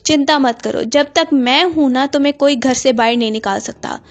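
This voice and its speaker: A woman's voice: high-pitched, moderate pace. A woman reading the lines of an apologetic young man who coaxes a girl to stay. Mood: coaxing. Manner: coaxing, apologetic.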